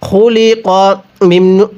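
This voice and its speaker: A man from Bangladesh gives a slow Quran recitation lesson, calmly sounding out syllables individually and asking the listener to join in. His high, mellow voice moves slowly with fairly even intonation, and the audio is lo-fi.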